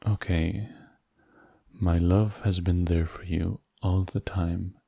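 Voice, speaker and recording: A man playing a tender, hurt, devoted boyfriend in an ASMR role-play, speaking in a soft, intimate, halting murmur to comfort a partner. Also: low voice, steady tone, vocal fry, husky, no room sound, studio quality, exaggerated voice. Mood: hurt, pleading. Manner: slow, halting, gentle, intimate.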